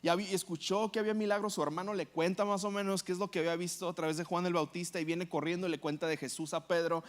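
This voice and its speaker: High-voiced pastor preaching. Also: male voice, fairly even intonation, fast. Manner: storytelling, acting out quoted lines. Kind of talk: sermon.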